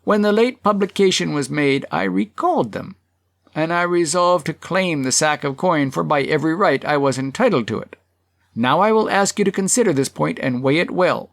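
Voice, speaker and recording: A man's voice: fairly high pitch, expressive, moderate pace, creaky, no echo, voice pushed up. A man voicing a self-righteous male townsman who defends himself in an earnest, persuasive public speech in a storybook reading. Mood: pleading.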